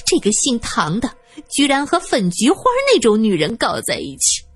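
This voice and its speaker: A woman voicing a shrill, melodramatic middle-aged wife, a former dancer who whines and wails shamelessly in a storytelling recording. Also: sing-song, normal speed, breathy edge, no echo, faint music behind. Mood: wheedling. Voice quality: shrill, theatrical wailing.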